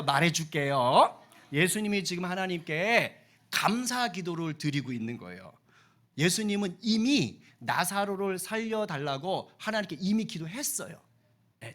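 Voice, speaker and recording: A male pastor preaching a children's sermon in a playful way, quizzing and teasing the kids as he goes. His voice sits fairly high and bounces around with lively expression. It has a bright, crisp edge. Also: normal speed. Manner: playful, questions and teases the children.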